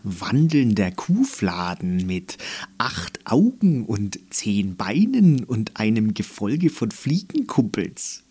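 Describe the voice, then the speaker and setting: A man voicing a grumpy, gruff male not-unicorn creature who grumbles curt replies in a storybook. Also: on the low side, very animated, slow, warm tone, heavily acted.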